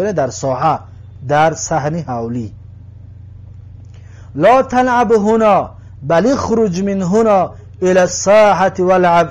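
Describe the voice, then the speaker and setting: A man giving a grammar lesson. He explains slowly and patiently, saying each phrase, translating it and then repeating it. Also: fairly high pitch, darkish tone. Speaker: Arabic language teacher.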